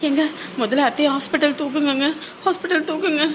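A woman's voice: high voice, quick pace, slight background noise, natural voice. A young woman playing a daughter-in-law who calls out anxiously for her husband. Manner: anxious, urgent calling out.

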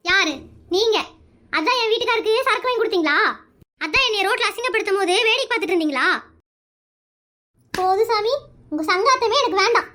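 A woman voicing a shrill, sharp-tongued cartoon wife. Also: animated, exaggerated voice. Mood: scolding. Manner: quick scolding retorts. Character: sharp-tongued married woman, scolding and teasing. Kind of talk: animated comedy voice acting.

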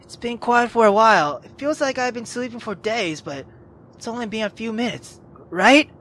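A woman hosting a let's play, reading a visual novel aloud with loud, profane, emotional reactions. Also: fairly high pitch, expressive, moderate pace, slight background noise.

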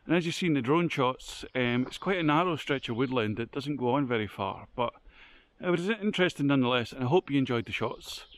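A man who vlogs about photography talks to camera by a woodland stream in a loose, rambling way full of ums. His mid-range voice is animated and fairly quick, and there's no room sound at all.

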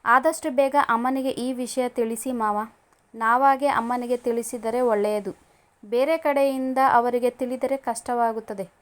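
A woman's voice: a little high, steady tone, a little slow, natural voice. A woman reading a jealous young woman in love. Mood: friendly.

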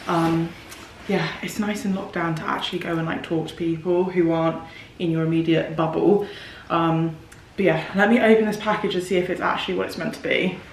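Recorded first on a dashboard camera in a parked car and then handheld in her home hallway, a young woman from the United Kingdom vlogs in a rambling, filler-heavy, chatty way. Her voice is lowish and a bit croaky today, and there is background noise.

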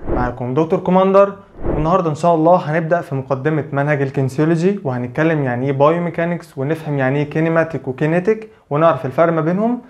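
A man's voice: fairly high pitch, racing, a little mellow. A man with an Egyptian Arabic accent giving a physical therapy lecture, asking questions and answering them himself. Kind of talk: lively explanatory lecture.

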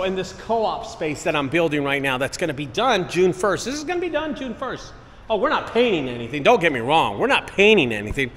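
A man's voice: sits high, a bit bright. A man in his late forties walking and talking through a warehouse, giving an earnest, repetitive motivational pep talk about goals. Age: 40s. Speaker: business owner vlogger. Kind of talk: casual walk-and-talk vlog. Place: outdoors and in a large empty warehouse. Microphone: wireless earbud mic, handheld camera. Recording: faint outdoor noise.

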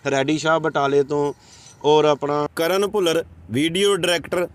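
A man's voice: fairly high pitch, steady tone, normal speed. A young man, a singer, answering interview questions casually and modestly, leaning on filler phrases. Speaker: singer and actor, interview guest.

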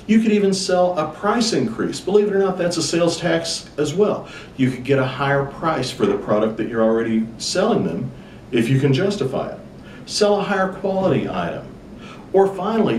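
An emphatic male sales trainer speaks with a lively, swinging pitch, like a coach pitching an idea. He sounds a little off-mic in an echoey room, with a faint low rumble behind him. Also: distant mic. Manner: emphatic, upbeat presenter who acts out customer chats. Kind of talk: direct-to-camera sales tip video.

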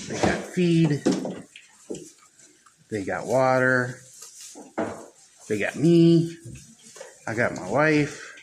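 A goat farmer vlogger films his goats indoors in a barn pen on a handheld phone camera, chatting casually and rambling slowly. Now and then he coos to the animals in high baby talk, and the phone recording picks up plenty of barn noise.

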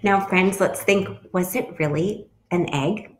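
A woman reading a picture book aloud to children as a teacher, gently stopping to ask them questions. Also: medium pitch, a little slow, slight background noise. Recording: roomy echo.

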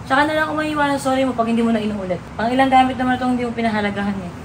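A woman's voice: a little high, rapid-fire, reverberant, distant mic, background noise. A mother scolding her daughter sternly in a vlog, repeating pointed questions. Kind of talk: vlog confrontation.

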